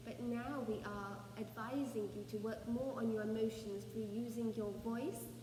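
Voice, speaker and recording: A woman speaking as a seance medium channelling spirit messages, with formal, ceremonial phrasing and deliberate pauses. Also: fairly high pitch, warm tone. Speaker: trance channeller, spirit medium leading a session. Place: echoey room, away from the microphone. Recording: roomy, reverberant, distant mic, faint noise.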